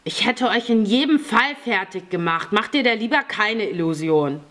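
A woman's voice: mid-range voice, expressive, normal speed, a bit bright, voice pushed up, natural voice. A woman voicing a hard, threatening grown man in an audiobook reading. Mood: stern. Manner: harsh, threatening. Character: stern, menacing grown man.

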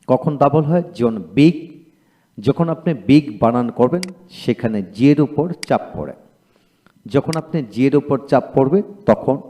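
Male grammar teacher, video lecture, slow repetitive drilling delivery, mellow tone. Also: medium pitch. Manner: slow drilling recitation of word forms.

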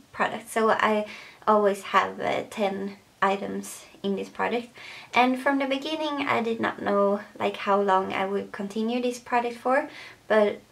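A woman's voice: mid-range voice, vocal fry. A young woman with a Swedish accent talking casually to camera as a beauty vlogger, hesitant and full of fillers.

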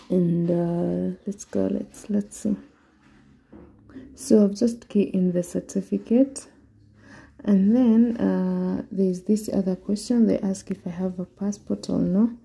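A Kenyan woman vlogger slowly guides viewers through an online form, step by step, in a screen-recorded tutorial. Her voice is medium-pitched, creaky, and dark in tone.

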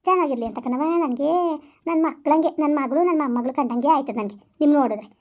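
A woman's voice: high voice, fast talker, natural voice. A woman voicing a kind elderly village woman, who talks in a soothing, motherly way. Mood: coaxing. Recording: muffled lo-fi recording.

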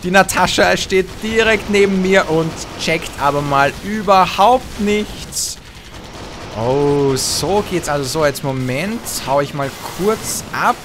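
A young man gives lively, trash-talking commentary over his own gameplay, humming and muttering to himself. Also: sits high, slow, noisy background. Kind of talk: excited let's-play commentary. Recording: game sound effects and gunfire behind voice.

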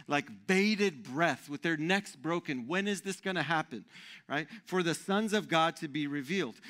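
Pastor, male, 40s, bright forceful tone, slightly high voice, emphatic sermon delivery. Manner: emphatic, rising in pitch and loudness when stressing points. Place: church stage with band gear, indoors.

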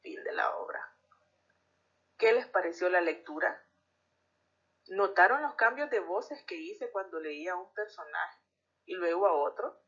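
A woman teacher giving a recorded reading lesson for pupils, speaking clearly and deliberately with careful articulation. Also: lowish voice, expressive, fairly bright tone. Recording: dull lo-fi recording.

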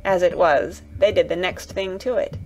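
A woman narrating a classic children's audiobook in a calm, even storytelling voice. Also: fairly low pitch, normal speed, soft background music, low-quality recording.

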